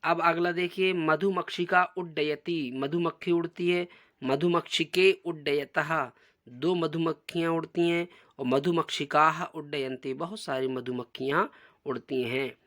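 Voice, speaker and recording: Slow, patient male teacher, higher voice. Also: steady tone, fairly bright tone. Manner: slow, deliberate reading of example sentences, then explaining. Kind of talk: classroom lesson explaining a textbook.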